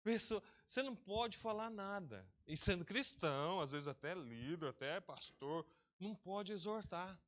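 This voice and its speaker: A man preaching a sermon as pastor of an online church service, lively and talking directly to his congregation by name. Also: sits high, moderate pace. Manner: lively, talks straight to the congregation, calls people by name.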